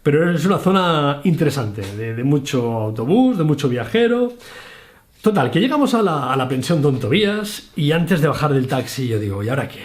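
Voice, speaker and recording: A man's voice: on the high side, sing-song, moderate pace. A man from Spain, telling an anecdote about his first solo trip in a casual, self-mocking way, with many restarts. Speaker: travel vlogger. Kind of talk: casual storytelling.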